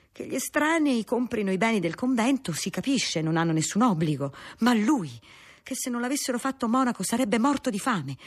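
A woman voicing an indignant old spinster noblewoman railing against her relative, in a husky voice. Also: on the high side, pitched above the performer's own voice.

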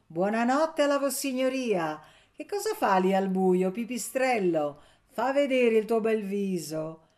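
A woman reading an audiobook, voicing a bold, mocking pretty village girl who talks loud and brash. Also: mid-range voice, expressive, unhurried, voice pushed up, close to an everyday voice. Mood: teasing. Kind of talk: audiobook character voice.

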